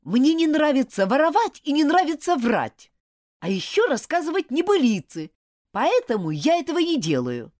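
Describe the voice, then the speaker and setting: A woman's voice: mid-range voice, wildly swooping pitch, moderate pace, dry recording, studio quality, voice pushed up. A woman reading an audiobook, voicing a proud, hot-tempered schoolboy who talks in an indignant, clipped, scornful way. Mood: threatening.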